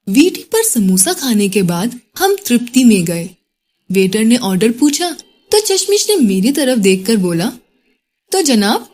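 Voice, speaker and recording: Female storyteller, expressive scripted narration, animated pitch.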